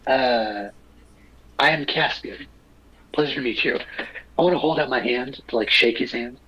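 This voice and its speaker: A man's voice: mid-range voice, normal speed, bright, forceful tone, slightly rough, highs cut off. A man talking casually as a player in a tabletop role-playing game.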